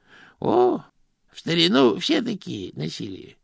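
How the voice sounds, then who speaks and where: A very old postman, weary and fussy, hedging his answers with patient hesitations, as a man puts him on. His voice is gravelly and husky, with lively rises and falls, recorded dry and close. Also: high-pitched, a little slow, dry recording, voice pushed up, heavily acted. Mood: evasive. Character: very old male junior postman, weary and evasive.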